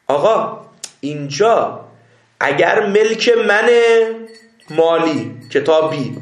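A man teaching a seminary class, reading Arabic text slowly and explaining it step by step, often checking that his students follow. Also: high-pitched, fairly bright tone, reverberant. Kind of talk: classroom lecture on Islamic jurisprudence.

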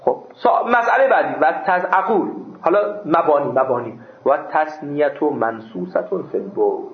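An animated man whose voice is on the high side teaches a seminary class, reading Arabic aloud. His explanations come through question and answer, with the odd joke aimed at students, in a dull, echoey classroom recording.

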